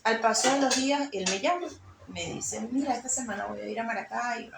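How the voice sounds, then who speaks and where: Woman, emotional faith testimony, creaky tone, roomy sound. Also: a little high, a little fast, background noise. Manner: emotional, storytelling with frequent fillers. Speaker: guest sharing testimony. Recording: echoey room with faint ambience.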